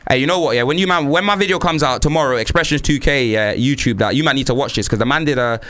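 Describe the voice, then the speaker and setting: A man's voice: medium pitch, fast talker, a bit bright. Male radio co-host, London accent, roadman slang delivery, loose conversational banter.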